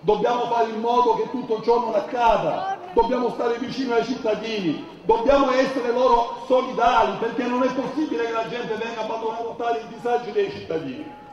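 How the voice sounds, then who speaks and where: A man's voice: very high voice, fairly even intonation, brisk. A man giving an impassioned, insistent political rally speech full of exhortation. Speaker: campaign speaker. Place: outdoor town square rally. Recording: very echoey, dull, distant public-address sound.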